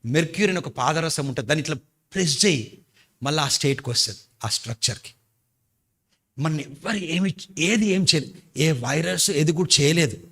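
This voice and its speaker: A male pastor from India, preaching with a bright, forceful, fairly high voice. He surges into loud, emphatic peaks and slips English phrases into his sermon. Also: lively intonation, brisk, slightly rough.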